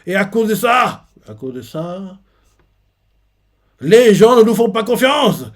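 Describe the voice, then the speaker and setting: A man voicing a giant king who shouts in fury and breaks into tears, raised well above his own voice. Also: high-pitched, very animated, takes it slowly, pitched above the performer's own voice, exaggerated voice. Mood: furious. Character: giant king, furious and remorseful.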